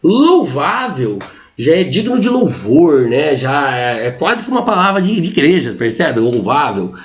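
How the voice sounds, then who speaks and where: A man's voice: fairly high pitch, big pitch swings, unhurried. A middle-aged man with a Brazilian accent, a Portuguese teacher going through exam answers step by step and checking in with the listener again and again. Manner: explains step by step, constantly says "ó" and "tá?".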